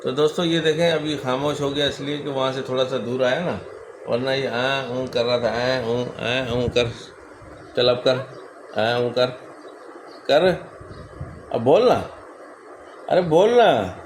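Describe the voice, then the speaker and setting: A man's voice: mid-range voice, level tone, unhurried, noisy background. A man vlogging about his pet birds, coaxing them with repeated calls and baby talk while chatting to his viewers. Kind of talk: casual pet vlog, talking to viewers. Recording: echoey room with loud bird chatter. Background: birds calling.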